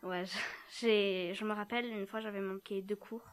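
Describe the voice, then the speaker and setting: A woman's voice: mid-range voice, fairly even intonation, moderate pace. Shy hesitant teenage girl. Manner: shy, hesitant, short answers. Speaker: guest.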